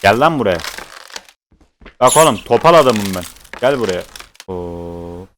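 A man's voice: on the low side, expressive, unhurried, fairly bright tone, a little hiss or hum. Swearing, jumpy young Turkish gamer man. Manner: swears constantly, jumpy and panicky. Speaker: gaming streamer. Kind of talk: horror game let's play commentary.

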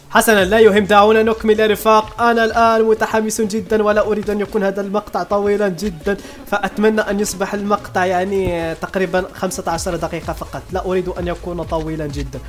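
A man giving excitable gameplay commentary as a YouTuber, often stopping and restarting his sentences. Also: sits high. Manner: excitable, many restarts and fillers. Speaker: gaming YouTuber.

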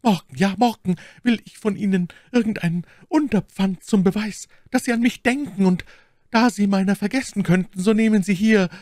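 Imagine a scheming noblewoman, as a male narrator puts her on in a high, sugary falsetto. She speaks sweetly and breathlessly, every word coaxing, in a dry, close storybook reading. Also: moderate pace, a little mellow, no room sound, natural voice. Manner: honeyed and breathless.

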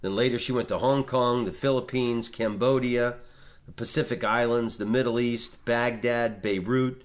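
Rambling through a casual art history conversation, the middle-aged podcast host keeps restarting and filling pauses. His mid-range voice holds a steady tone at a normal pace.

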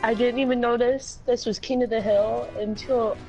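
A woman's voice: fairly high pitch, fairly even intonation, normal speed, rough recording. A woman chatting and laughing with friends during an online game, easily startled. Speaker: online gamer in a group stream. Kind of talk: casual gaming chat. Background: game music.

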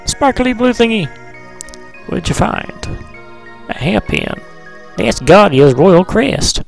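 A man's voice: high voice, big pitch swings, slow, creaky, soft background music, voice pushed up, full character voice. A man voicing a young video game heroine in an exaggerated, drawling fake cowboy accent. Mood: playful. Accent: fake American Western cowboy.

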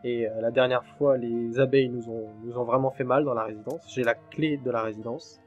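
A man talks his way through a horror game, chatting to viewers and letting curses fly whenever something jumps out. His voice sits at an ordinary middle pitch, with quiet game music running underneath. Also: steady tone, fairly quick, dull audio. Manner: chatty and jumpy, swears freely when startled. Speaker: gaming channel host. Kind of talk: let's play commentary.

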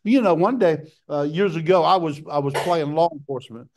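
A middle-aged man preaching a sermon with passion, his voice jumping up high for emphasis. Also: a little fast, darkish tone. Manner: impassioned preaching, jumps to a high pitch for emphasis.

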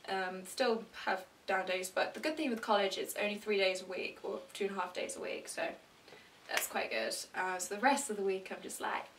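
A British teenage girl rambling and chatting to camera in a self-deprecating way, often breaking into excited squeals. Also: medium pitch, normal speed, distant mic, slight background noise. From Britain. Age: teens. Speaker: vlogger. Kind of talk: rambling casual chat to camera.

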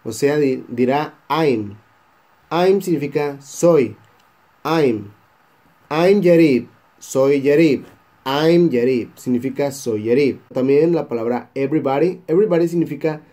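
Young Mexican male English tutor, Mexican Spanish accent, relaxed mellow tone, repeats phrases slowly to model them. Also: on the high side. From Baja California Sur, Mexico. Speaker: English teacher. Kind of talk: English lesson for Spanish speakers.

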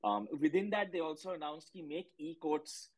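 A man's voice: fairly high pitch, expressive, normal speed, darkish tone, poor audio. A man with an Indian accent, a podcast guest explaining markets in a chatty, emphatic way and mixing Hindi into his English. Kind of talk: casual conversational explaining.

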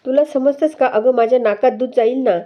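A woman's voice: high voice, brisk, highs cut off, lightly acted. A woman reading a sulky young husband. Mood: grumbling. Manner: grumbling, complaining.

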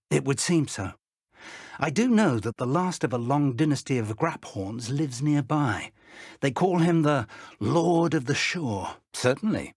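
An actor playing an elderly British wizard professor in a video game, an earnest, courteous mentor with a gravelly, husky voice and measured, formal speech. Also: male voice, mid-range voice, no echo, clean studio sound. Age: older. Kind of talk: scripted video game dialogue.

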